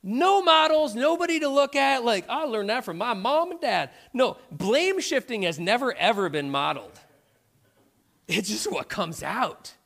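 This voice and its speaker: A man's voice: extremely high pitch, animated, measured pace, creaky, fairly bright tone. A middle-aged man preaching a sermon in a conversational way, often checking in with "right?". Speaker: pastor.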